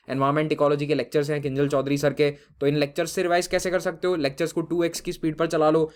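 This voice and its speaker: A man teaching an exam-prep lesson, giving brisk, firm advice to students and mixing in English phrases. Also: on the high side. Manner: brisk, direct, mixes Hindi with English phrases; addresses students informally, reassuring and firm.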